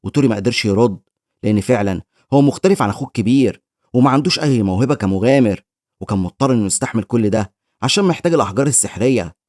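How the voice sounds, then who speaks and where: A man's voice: medium pitch, a little mellow, no room sound, clean studio sound. A man with an Egyptian Arabic accent giving scripted recap narration of a story. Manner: rapid storytelling.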